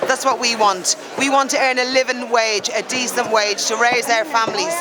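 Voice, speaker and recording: A woman's voice: fairly high pitch, steady tone, moderate pace. An Irish-accented woman speaking emphatically as a protester, repeating phrases for force. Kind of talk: impassioned protest vox pop. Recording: noisy outdoor street with crowd.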